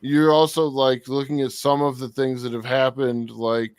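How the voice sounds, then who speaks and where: A man's voice: medium pitch, level tone, normal speed, darkish tone, clean tone, no echo. A man with an ordinary mid-range voice talking through his thoughts on a reaction show. His sentences wander and restart. The recording is dry. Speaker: show co-host. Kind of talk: casual reaction chat.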